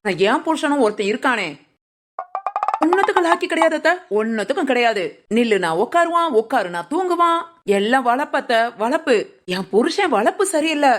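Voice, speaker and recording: In cartoon voice acting, a woman speaks in a high-pitched, lively, slightly fast voice as a cheeky, lazy young village daughter-in-law. Sly and teasing, she talks back.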